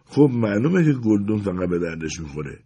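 A man's voice: fairly low pitch, sing-song, dark tone, breathy edge, full character voice. A man reading the part of a guarded, wistful farm wife in a story, asking short, clipped questions.

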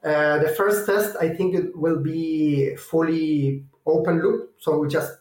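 A man with a Chilean Spanish accent, a guest engineer explaining a project haltingly, with many fillers and restarts. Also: on the high side, steady tone, darkish tone, roomy sound, poor audio. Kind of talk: technical interview.

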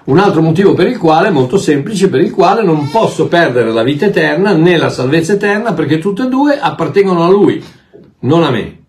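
A man preaching a sermon, emphatic and animated, often repeating words as he searches for them. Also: a little high, fairly quick. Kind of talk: sermon teaching.

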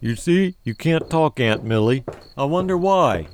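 A man's voice: medium pitch, animated, unhurried, a little hiss or hum, natural voice. A man voicing a sleepy, put-upon husband woken in the night, complaining in an exasperated, whiny way in an amateur comedy audio drama. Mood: arguing.

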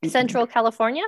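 A young woman hosting a faith podcast, speaking in a friendly, quick and chatty way. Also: high-pitched, no echo. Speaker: podcast host. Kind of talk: casual faith podcast interview.

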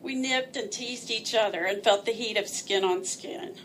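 A woman's voice: a little high, moderate pace, a bit bright, a little hiss or hum. A woman telling a personal story aloud in a wry, self-mocking way, often laughing as she speaks.

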